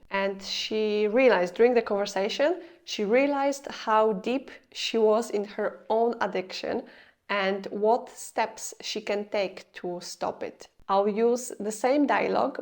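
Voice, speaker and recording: In this scripted vlog, a young video creator from Poland explains things in accented English, her second language. She sounds earnest and confessional, her grammar a bit non-native, her voice medium in pitch with a darkish tone.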